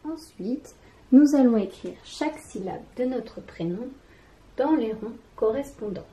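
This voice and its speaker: A woman teaches a children's reading lesson, talking straight to the child and sounding out each syllable. Her voice is warm and mellow, and her pace is very unhurried. The room has a noticeable echo. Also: on the high side, animated. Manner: slow, careful, syllable by syllable; addresses the child directly.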